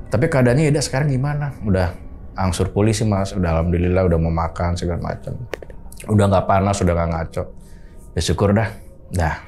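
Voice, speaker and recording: A man's voice: low voice, a little hiss or hum. Man telling a ghost story. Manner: animated retelling, acting out quoted dialogue. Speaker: boarding house caretaker telling a horror story. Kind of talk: casual storytelling to an interviewer.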